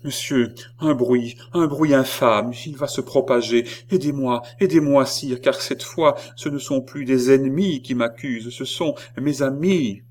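A man's voice: fairly low pitch, expressive, measured pace, pitched above the performer's own voice. A man voicing a proud, wounded queen, pleading in a heightened voice that rises to cries. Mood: agitated.

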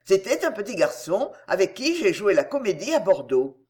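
A woman's voice: mid-range voice, very animated, moderate pace, a little mellow, natural voice. A woman voicing an enthusiastic, opinionated male theatre manager in a read-aloud story. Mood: appraising.

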